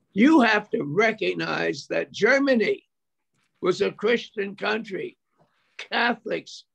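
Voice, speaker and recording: A man's voice: high voice, creaky, slightly rough. An older man giving an impassioned speech at an event, full of repetition and rhetorical questions, heard over a video call. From United States. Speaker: speaker at a memorial event.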